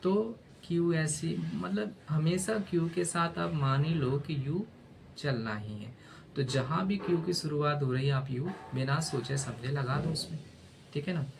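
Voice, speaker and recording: A man's voice: fairly high pitch, measured pace, gravelly, background noise. A male teacher gives a casual spoken lesson, spelling letters aloud and often asking "है ना?".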